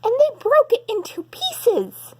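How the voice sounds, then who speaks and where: A woman voicing a tiny male baby bear cub in a high, crying little voice. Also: huge pitch swings, slow pace, full character voice. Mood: upset.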